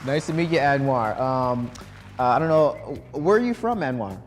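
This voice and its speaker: A man's voice: medium pitch, lively intonation, normal speed, faint music behind, some chatter behind. A man hosting a live student quiz show in a college broadcast studio, chatting loosely with many ums and restarts. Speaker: game show host.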